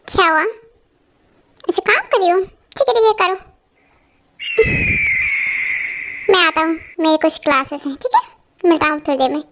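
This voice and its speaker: A woman's voice: very high-pitched, moderate pace, a bit bright, slight background noise. A woman dubbing a bossy, teasing male college professor in a Hindi fan drama. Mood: offhand. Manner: bossy, then coaxing. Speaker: voice dubber.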